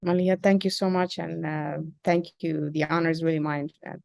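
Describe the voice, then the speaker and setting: A woman from Afghanistan in her thirties speaks in a low, gravelly voice as an interview guest. She answers in a halting, measured way, filling pauses with ums and uhs. The sound is dry and close. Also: steady tone, darkish tone, no echo. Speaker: interview guest, school founder.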